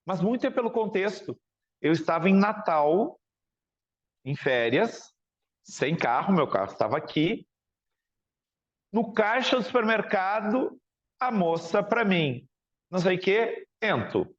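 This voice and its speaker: In a muffled recording, a man from Porto Alegre speaks a little slowly with long pauses and lively intonation, his voice sitting high. He teaches a class in a southern Brazilian Portuguese accent, chatting, asking questions, and ending phrases with tag questions.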